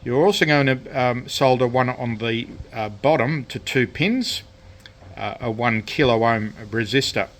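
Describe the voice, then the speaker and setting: Indoors at a cluttered radio workbench, an amateur hobbyist presents a DIY electronics video, talking through his project casually and unscripted. He speaks haltingly, with frequent pauses, in a medium-pitched, fairly bright voice, like someone showing how something is done.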